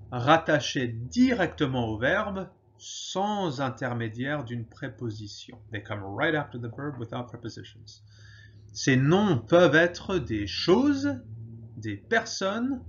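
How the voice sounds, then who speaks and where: A man teaching French grammar in a slow, patient way, pausing often and switching to English to explain. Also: medium pitch, fairly bright tone, highs cut off, slight background noise. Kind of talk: grammar lesson.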